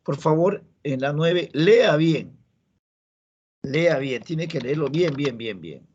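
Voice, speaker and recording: A man's voice: on the high side, animated, slow, a little mellow, breathy edge, highs cut off. A man with a Peruvian Spanish accent teaching a classroom grammar lesson, repeating key phrases and checking in with students. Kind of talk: classroom lecture.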